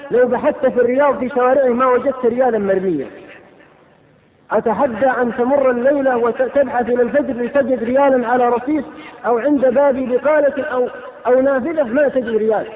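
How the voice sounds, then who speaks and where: A man delivers a fiery sermon in a very high, piercing voice. He rushes through rhetorical questions and scolding lines at a brisk pace. The recording is thin and phone-like, with a long hall reverb trailing behind him. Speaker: preacher.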